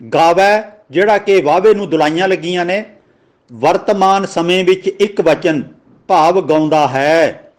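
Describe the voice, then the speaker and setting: A man with a Punjabi accent giving a religious grammar lesson, slowly spelling out words and their pronunciation. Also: high-pitched. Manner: slow, deliberate, spells out words letter by letter. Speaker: teacher of scripture grammar.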